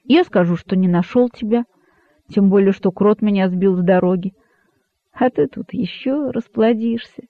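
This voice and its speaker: A man's voice: high-pitched, normal speed, no room sound. A man reading an audiobook, voicing an irritable, sulky boa constrictor with a hissing manner. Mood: wheedling. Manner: peevish, hissing. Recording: dry, narrow phone-like sound.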